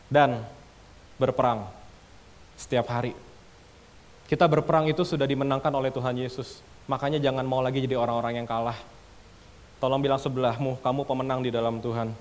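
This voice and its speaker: A young man preaching a casual, slangy youth sermon, acting out quick asides. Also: medium pitch, fairly even intonation. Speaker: youth pastor.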